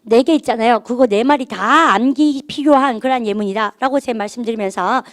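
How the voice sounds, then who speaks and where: A middle-aged woman teaches a grammar lesson in a higher voice, prompting her class to repeat after her again and again. The sound is close and completely dry, with no room in it. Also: fairly quick, no room sound. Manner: drills students with call-and-response prompts. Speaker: English teacher. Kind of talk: recorded grammar lecture.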